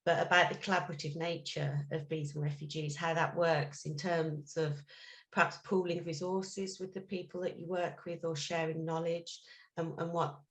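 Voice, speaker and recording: A woman's voice: low voice, little pitch movement, moderate pace, low-quality recording. A woman moderating a panel over a video call, thanking guests and asking encouraging questions with some fillers.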